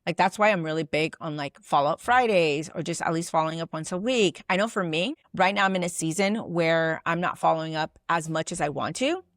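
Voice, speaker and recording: A woman with a lowish voice gives a casual business lesson straight to camera. Her talk is loose and chatty, full of "like," and she acts out sample messages as she goes. The sound is close and dry, with no room echo. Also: fairly quick, hardly any pauses. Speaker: business coach.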